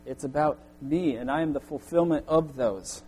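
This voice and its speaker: A man preaching a Sunday sermon, earnest and steady. His voice is mellow and warm, and it rises loud when he echoes a crowd's cries. A faint hum sits under him. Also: on the high side, moderate pace. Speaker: pastor.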